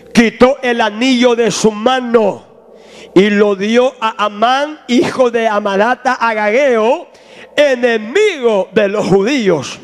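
A male pastor preaching a sermon. He shouts call-and-response lines to the congregation. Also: very high-pitched.

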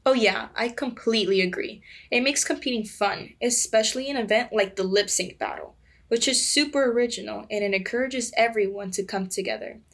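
A woman's voice: fairly high pitch, brisk. A teenage girl who is a guest on a student podcast, friendly and slightly nervous. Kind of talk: podcast interview.

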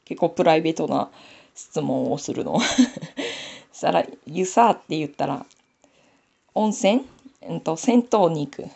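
Chatty gravelly-voiced Nanbu-accented woman. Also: low-pitched, animated, moderate pace, dark tone. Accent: Nanbu dialect of Aomori. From Aomori, Japan. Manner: chatty, talking to herself while knitting. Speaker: sock knitting YouTuber. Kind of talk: casual knitting tutorial chat.

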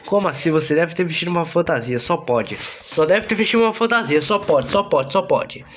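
A man's voice: fairly high pitch, expressive, fairly quick, slight background noise, lightly acted. A man voicing a stubborn father who answers in a blustery, disbelieving way.

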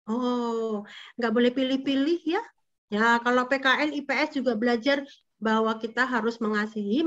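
A high-voiced woman teaches Sunday school with an animated, coaxing delivery, firing questions at the children. The recording is dull and lo-fi. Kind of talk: lively sermon for children.

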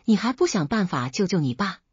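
Story aunt, a brash village woman who scolds and wails, read by a husky-voiced woman. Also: mid-range voice, very animated, brisk, no echo, muffled recording. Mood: furious. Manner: scolding, wailing. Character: loud rural aunt, middle-aged woman, shrill shrew.

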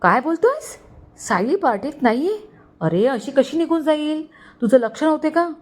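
A woman's voice: a little high, normal speed, darkish tone, lightly acted. Greedy scheming middle-aged uncle, read by a woman, gloating and scolding. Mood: shouting.

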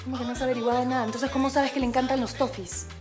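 A woman's voice: high-pitched, flat delivery, racing, darkish tone, faint music behind, natural voice. An actress with a Peruvian accent playing a stern, protective mother who lays down firm, precise rules. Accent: Peruvian Spanish. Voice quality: firm, precise, emphatic lists. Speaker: TV series character.

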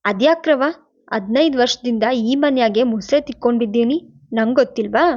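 A woman's voice: on the high side, moderate pace, darkish tone, close to an everyday voice. A woman voicing an older, chatty village maid who gossips in rustic dialect. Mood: indignant. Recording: dull lo-fi recording.

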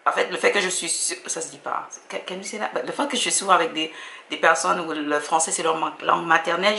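A woman's voice: lowish voice, gravelly, sharp tone, reverberant, a little hiss or hum. A woman with a Caribbean French accent, chatting casually with self-mocking asides. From Dominica. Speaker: vlogger reacting to her old video. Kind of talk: casual reaction commentary.

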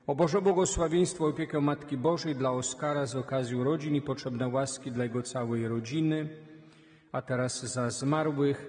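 A male priest reads scripture and intentions in an even, measured liturgical cadence. His voice sits at a middle pitch. The sound carries a long reverb from a large church. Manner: steady liturgical reading. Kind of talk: reading the Gospel and leading prayers at Mass.

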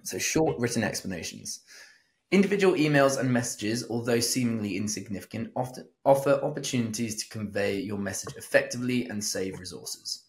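A man's voice: mid-range voice, expressive, a little fast. A man co-hosting a book summary, reading out points and then chatting casually. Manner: reads lists plainly, then chats casually. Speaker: podcast co-host.

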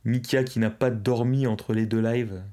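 A man's voice: mid-range voice, fairly even intonation, a little slow, warm tone. A young man hosting a live stream, casually chatting and reading out viewers' messages. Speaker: livestream host. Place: indoors, at a streaming desk.

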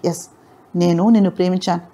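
A fierce young heroine from an audio novel, voiced by a woman reader. She sounds proud and defiant, scolding in heated lines that climb higher in pitch. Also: fairly even intonation, fairly quick, dark tone, lightly acted. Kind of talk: audio novel character reading.

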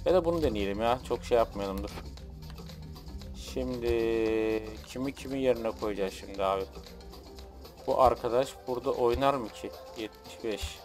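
Male gaming streamer, mid-pitched, casual and excitable, chats with his viewers while he plays. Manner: chatty, excitable, talks to the game and his chat. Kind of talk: casual gameplay commentary.

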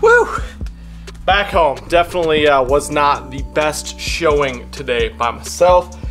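Very animated yet a little slow, this man in his thirties has a fairly high, fairly bright voice. As a fishing vlogger on a bass boat on a lake, he keeps up light, self-mocking chatter and talks to his dog. An action camera on the boat records it over soft background music.

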